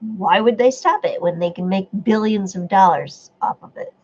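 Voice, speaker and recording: On her casual live stream, a woman with a stuffy nose reads viewer comments aloud and chats back in a mid-range, slightly mellow voice at normal speed. Sound quality is dull, lo-fi stream audio.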